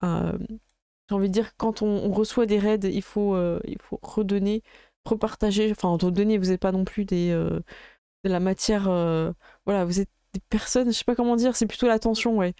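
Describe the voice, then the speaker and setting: A woman game master chatting casually as she wraps up a live stream, halting often with fillers. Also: medium pitch, fairly even intonation, warm tone, clean tone, dry recording, studio quality.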